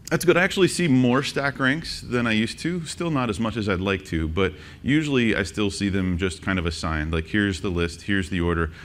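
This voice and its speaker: Jokey male workshop presenter, low voice. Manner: jokey, quizzes the audience with quick questions. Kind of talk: interactive conference talk. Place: conference session room.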